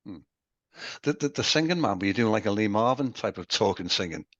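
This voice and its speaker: A man hosting a casual interview, nodding along with steady yeah-yeahs. His voice comes through a dry, dull lo-fi recording. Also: lowish voice, fairly quick, no room sound. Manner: agreeable, frequent yeah-yeah backchannels. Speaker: interview host.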